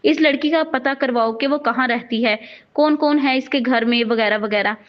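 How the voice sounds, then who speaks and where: A possessive young man barking threats in a storybook novel, as a woman narrator reads him. The voice sits high and lively rather than deep. The recording is dull and lo-fi. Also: normal speed, natural voice. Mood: scheming. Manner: commanding, menacing.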